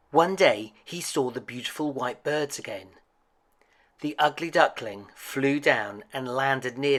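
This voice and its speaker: A man with a mid-range voice reads a children's picture book aloud as a storyteller. His delivery of the scripted story is expressive and deliberate.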